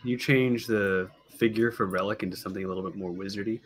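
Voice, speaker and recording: A man playing in an online tabletop game, tossing in quick dry remarks. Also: lowish voice, steady tone, slight background noise. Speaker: player. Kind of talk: casual chat at a game table.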